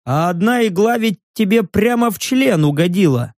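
A man's voice: high voice, lively intonation, normal speed, darkish tone, no room sound, clean studio sound, pitched above the performer's own voice. A man voicing a crude, teasing male soldier companion. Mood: mocking.

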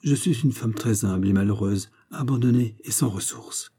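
A serene, mysterious celestial woman speaks softly and gently, voiced by a man reading a storybook. The voice is dark and husky, calm and humble. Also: on the low side, normal speed. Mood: pleading. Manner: gentle, soft-spoken.

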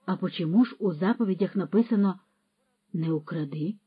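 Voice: medium pitch, fairly quick, husky, muffled recording. A narrator doing a naive young lad. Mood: hesitant. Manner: hesitant, short questions. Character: naive young man joining thieves.

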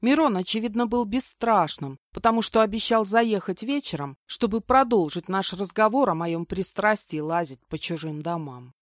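A woman narrating a first-person story as an audiobook, with a lively, wry storytelling manner. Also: mid-range voice, normal speed, hardly any pauses, dry recording, clean studio sound.

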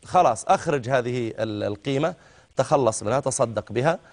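A man's voice: medium pitch, animated, fairly quick. A middle-aged man with a Saudi accent, a religious scholar answering callers in an avuncular way. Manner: avuncular, addresses callers as my son. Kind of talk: religious call-in advice.

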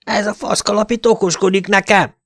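A man voicing a loud, aggressive male highway cop in an audiobook, shouting in a raised voice. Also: dry recording, lightly acted. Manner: shouting, crude, raised pitch.

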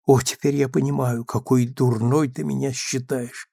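A man's voice: mid-range voice, little pitch movement, moderate pace, vocal fry, mellow, no room sound, studio quality. A man reading the part of a meek, remorseful young woman, pleading and trembling. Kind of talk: audiobook character reading.

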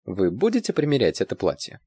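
A man's voice: mid-range voice, wildly swooping pitch, brisk, dark tone, slightly rough, no room sound, pitched above the performer's own voice. A man voicing a timid, anxious young female shop assistant for an audiobook.

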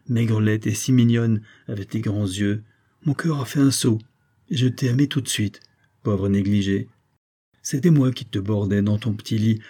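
A man's voice: on the low side, dark tone, natural voice. Storybook servant woman in her forties, doting and scolding, put on by a man reading. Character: warm fussy middle-aged female servant. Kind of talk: audiobook character voice.

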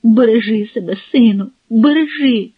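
A woman's voice: fairly high pitch, moderate pace, no echo. A woman voicing an anxious, tender village mother in an audiobook. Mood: worried. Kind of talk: audiobook character voice. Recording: husky, phone-like, dry.

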